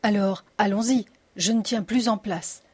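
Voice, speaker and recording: A woman's voice: mid-range voice, unhurried, darkish tone, breathy edge. A woman voicing an impatient, anxious king in an audiobook. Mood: urgent. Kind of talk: audiobook reading.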